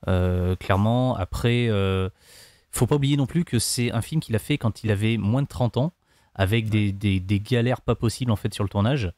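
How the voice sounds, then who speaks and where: A man's voice: fairly low pitch, moderate pace, darkish tone, no room sound, clean studio sound. A man discussing films casually as a panelist, often searching for his words. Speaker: podcast panelist.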